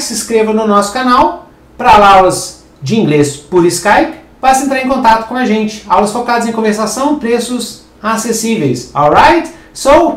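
A Brazilian man teaching an English lesson on video, upbeat and clear, switching into English for example sentences. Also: very high voice. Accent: Brazilian Portuguese. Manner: upbeat, lively teacher with animated intonation. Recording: roomy echo.

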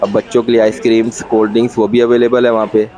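An Indian man in his thirties narrates a family travel vlog at a roadside restaurant in the evening, filmed on a phone camera, chatting casually, repeating himself and mixing English words into his Hindi. His low voice is warm but flat, and he talks fast. The recording is low quality, with faint music in the background.

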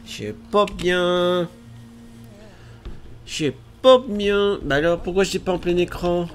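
Stuffy with a cold, a man in his thirties sits in a gaming chair in a small room at home, chatting to his live-stream viewers while fixing tech problems and gaming. His high-pitched voice is a bit bright. He's chatty and self-mocking as he fusses over the tech trouble.

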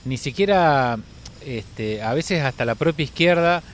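A man's voice: fairly high pitch, animated, measured pace, a little hiss or hum. A male interviewer poses a long, searching question with hesitant phrasing.

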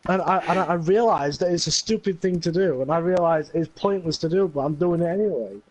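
A man's voice: fairly high pitch, fast talker, a little hiss or hum, poor audio. A young man streaming a game, ranting and swearing angrily at the other players. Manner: angry ranting and swearing at opponents. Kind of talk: live gameplay commentary.

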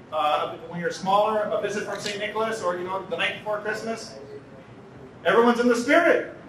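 A Canadian man from Toronto speaks earnestly at a conference podium in a large indoor banquet hall, repeating important lines for emphasis. His voice sits high and is a bit bright. Because the podium mic is some distance away, the hall sounds echoey, with slight background noise.

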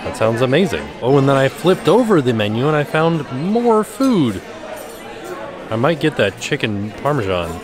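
A man's voice: mid-range voice, big pitch swings, moderate pace, a crowd in the background. A man vlogging casually, chatting enthusiastically about menus and food as he walks around. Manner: chatty, enthusiastic food commentary with frequent "ooh". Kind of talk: casual vlog narration. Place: outdoor shopping plaza and indoor restaurant.

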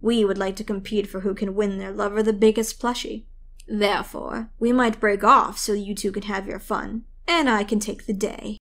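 A woman's voice: mid-range voice, level tone, moderate pace, a bit bright, natural voice. Brief: courtly fanged male king, formal and polite, read by a woman narrator.

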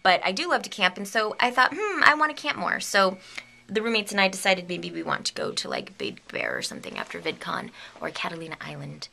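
Filmed up close on a handheld camera, a young woman in her twenties chats in a bubbly, giggly, rambling vlog, sleepy and a little delirious, now and then whispering. Her medium-pitched voice is gravelly, bright, forceful, fairly quick, with big pitch swings. She's in a small home studio with a big red chair and green screen.

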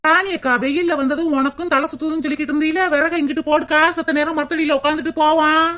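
A high, bright cartoon village girl voiced by a woman who is brisk and teasing, sure that she knows everything. She coaxes and needles in a southern Tamil Nadu rural dialect. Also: level tone, slight background noise. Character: bold, knowing young village woman.

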